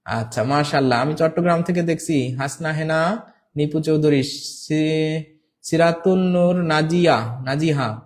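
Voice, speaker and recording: A man's voice: fairly high pitch, unhurried. A man teaching English grammar in a live online class, reading viewers' comments, repeating words and spelling them out letter by letter. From Bangladesh.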